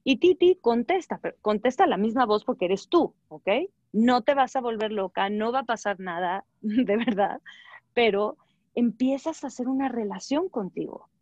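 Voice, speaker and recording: A woman with a Mexican accent speaks in a fairly high voice, giving friendly advice and playing out small imagined conversations. Her delivery is chatty and full of restarts. The recording is dull and lo-fi, with a dry, close sound. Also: no room sound. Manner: animated, acts out little dialogues, many fillers and restarts. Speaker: guest advisor.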